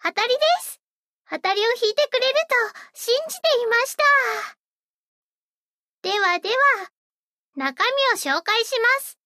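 A woman's voice: extremely high pitch, animated, moderate pace, long pauses, sharp tone, no echo, clean studio sound, exaggerated voice. A woman voicing a sweet, eager young maid-café hostess who speaks politely and dotingly. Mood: cheerful. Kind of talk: roleplay audio drama.

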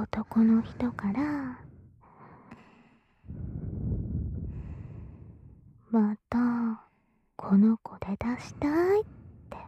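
A woman's voice: on the high side, husky, dry recording, muffled recording. A woman playing a sweet, teasing, soothing young attendant in a whispered role-play, speaking right into the listener's ear. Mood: gentle, coaxing.

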